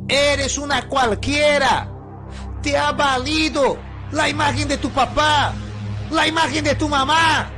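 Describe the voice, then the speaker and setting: A man's voice: very high-pitched, steady tone, slow pace, sharp tone, soft background music, voice pushed up, full character voice. A man voicing a strict, furious middle-aged father who scolds his daughter and makes threats.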